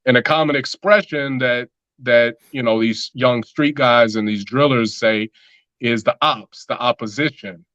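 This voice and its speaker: A man's voice: medium pitch, measured pace, a bit bright, no echo, lo-fi sound. A man talking as a musician guest in a casual interview, loose and rambling with lots of filler words.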